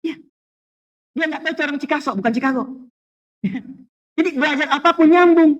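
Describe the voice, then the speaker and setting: A man preaching a lively sermon to a congregation, telling humorous stories, asking rhetorical questions, and weaving in Arabic phrases. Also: extremely high pitch, a little fast. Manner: animated storytelling with jokes and rhetorical questions. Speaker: Islamic preacher. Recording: dull lo-fi sound.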